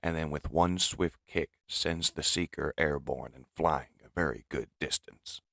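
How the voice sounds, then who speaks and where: A man narrating a comic dub in steady, descriptive storytelling. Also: a bass voice, measured pace, gravelly.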